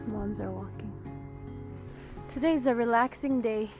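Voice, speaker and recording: A woman narrating a casual family travel vlog in a chatty way, often laughing. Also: a little high. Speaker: vlogger.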